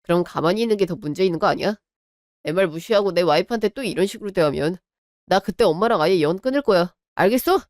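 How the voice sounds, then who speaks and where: A woman's voice: lowish voice, expressive, quick pace, darkish tone, dry recording, clean studio sound, natural voice. A woman voicing a young husband in a radio drama, pleading and apologetic toward his wife and her mother. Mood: firm.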